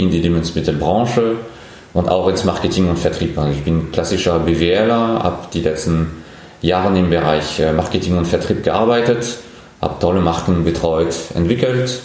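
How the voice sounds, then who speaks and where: Low-voiced French-accented man in his forties. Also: darkish tone, heavy reverb. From France. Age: 40s. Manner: thoughtful, many pauses and fillers. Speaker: startup founder. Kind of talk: interview answers.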